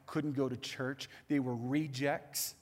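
A man preaching a sermon as pastor, animated and moving between hushed lines and emphatic ones. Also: mid-range voice, takes it slowly. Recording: echoey hall.

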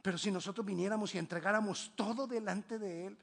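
A man preaching. He swings from ringing exclamations to hushed, low asides. He drives his points home with repeated rhetorical questions. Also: fairly even intonation, quick pace, creaky. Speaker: pastor. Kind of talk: sermon.

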